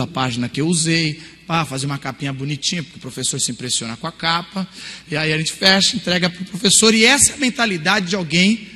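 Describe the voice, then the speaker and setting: Brief: Brazilian male seminar speaker, thirties, bright high voice, animated storyteller, long hall echo. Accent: Brazilian Portuguese. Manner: animated storytelling, acting out quotes. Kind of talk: sermon-style talk. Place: large hall.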